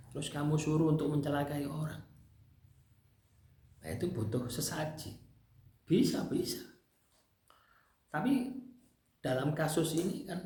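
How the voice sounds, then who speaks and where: With a Javanese accent, a man shares his personal experiences in an easygoing, testimonial style. His voice is fairly high yet dark, and it reverberates. Conversationally, he tends to end phrases with checking tags like "gitu loh, ya."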